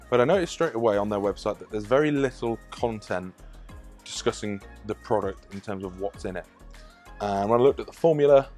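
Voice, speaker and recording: A man who owns a supplement shop giving a measured, plain-spoken opinion of a product, with an occasional um. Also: fairly low pitch, a little mellow. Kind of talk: guest review comment.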